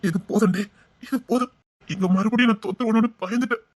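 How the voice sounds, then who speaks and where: A woman's voice: a little high, quick pace, voice pushed down, lightly acted. A woman voicing a protective young husband in a cartoon, firm and reassuring. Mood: tender.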